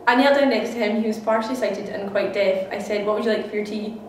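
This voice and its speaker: A woman quietly recounting a memory from caring for an old man. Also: mid-range voice, fast talker, slight background noise. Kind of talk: first-person story reading. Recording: very echoey, distant recording.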